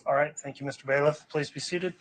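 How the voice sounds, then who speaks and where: A man presiding as judge, giving measured procedural instructions, heard on a courtroom recording. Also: a little high, steady tone, a little hiss or hum. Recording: courtroom audio with faint ambience.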